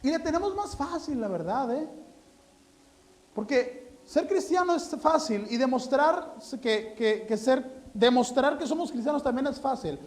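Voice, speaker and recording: A man with a Mexican accent preaching a sermon in a church, animated and full of rhetorical questions and joking asides. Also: very high voice. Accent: Mexican Spanish.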